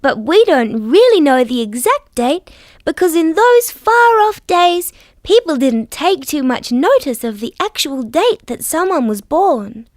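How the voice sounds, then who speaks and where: Kids' show dinosaur: Australian accent, gentle storyteller, very lively intonation, slow careful diction, close dry sound. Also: female voice, high-pitched, dry recording. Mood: gentle, cheerful. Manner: sweet, patient, carefully enunciated. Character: friendly, gentle female dinosaur teaching young children. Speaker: children's show character. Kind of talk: scripted storytelling for small children.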